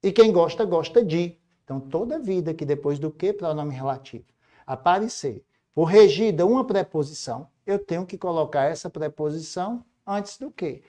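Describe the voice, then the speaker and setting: A middle-aged Brazilian man teaching a grammar lesson for exam students. He jokes as he goes and slows down to stress each example phrase. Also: on the high side. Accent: Brazilian Portuguese. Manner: animated, jokey, stresses example phrases slowly. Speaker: Portuguese teacher.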